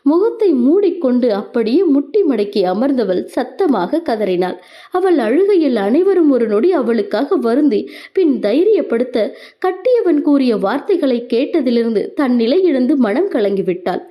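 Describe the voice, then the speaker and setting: Expressive woman narrating a romance. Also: sits high, measured pace, muffled recording. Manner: expressive storytelling. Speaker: audio novel narrator. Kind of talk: scripted narration of a romance novel.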